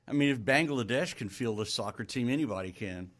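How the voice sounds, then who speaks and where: A man's voice: medium pitch, lively intonation, brisk. Man, co-host, dry quips, matter-of-fact, casual talk show banter. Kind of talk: casual talk radio chat.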